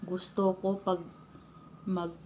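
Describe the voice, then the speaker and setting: A woman's voice: lowish voice, level tone, slow, dark tone, a little hiss or hum. A woman with a Filipino accent chatting and telling family stories to her live stream viewers, laughing often. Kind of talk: casual live stream chat.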